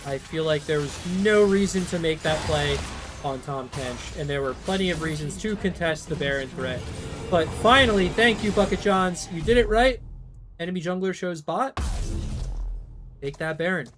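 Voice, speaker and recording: Hoarse high-voiced male esports caster. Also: music in the background. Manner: excitable, calls plays in quick bursts. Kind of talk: live play-by-play commentary.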